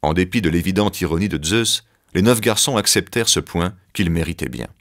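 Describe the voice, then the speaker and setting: A man reads a children's story aloud with a very deep voice. His pitch rises and falls a great deal as he paints each scene, in scripted, expressive storybook narration. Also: a little fast.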